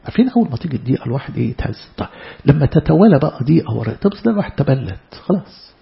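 A man's voice: fairly high pitch, very animated, rapid-fire, creaky. A man with an Egyptian Arabic accent, teaching a Bible sermon in a conversational way, asking rhetorical questions. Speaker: preacher. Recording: dull lo-fi recording.

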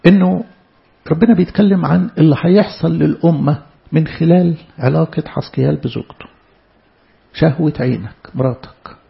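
A man with an Egyptian Arabic accent teaches from the Bible in a chatty, questioning way. His voice is strongly gravelly and sits a little high. The recording sounds dull and lo-fi. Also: a little fast. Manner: conversational, asks rhetorical questions. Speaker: preacher.

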